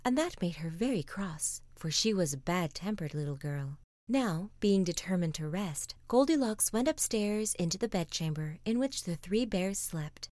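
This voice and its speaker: A woman reading a fairy tale as a soft bedtime story, often slipping into a whisper. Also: fairly low pitch, expressive, moderate pace, dry recording, clean studio sound.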